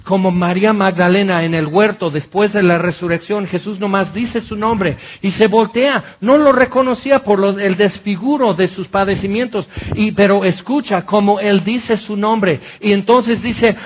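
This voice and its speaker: A man preaching a sermon in a large tent, impassioned, building to loud repeated exclamations and then dropping low, asking the congregation rhetorical questions. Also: normal speed, hardly any pauses.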